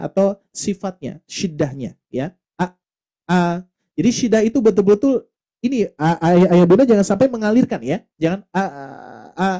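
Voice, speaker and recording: A man teaching a Quran recitation class, explaining patiently and demonstrating letter sounds, often ending phrases with a soft tag word. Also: on the high side.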